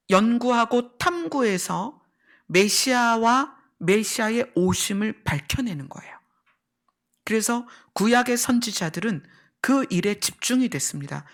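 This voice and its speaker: A woman pastor delivers a church sermon full of teaching and illustrations, walking through points step by step, repeating key phrases and asking her listeners questions. Her voice is fairly high and creaky.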